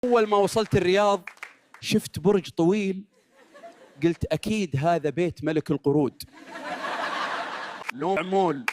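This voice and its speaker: A man's voice: sits high, normal speed, long pauses, darkish tone, natural voice. A man with a Saudi accent voicing a cheeky, boastful monkey doing a stand-up routine of short joke stories, delivered with mock grievance. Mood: cheeky, mock-aggrieved. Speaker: stand-up comedian. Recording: clearly noisy recording.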